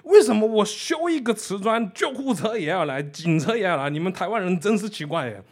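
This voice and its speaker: A man playing a calm German man with no idea what the fuss is about, unhurried and matter-of-fact. His voice sits a bit high and lifts lively as he explains, even while the other side panics. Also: heavily acted. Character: calm, puzzled German man living abroad.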